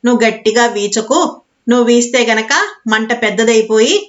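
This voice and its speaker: A woman's voice: on the high side, level tone, moderate pace, lo-fi sound, lightly acted. A woman voicing a foolish little female goat kid who pleads tearfully, in a storybook reading. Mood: pleading.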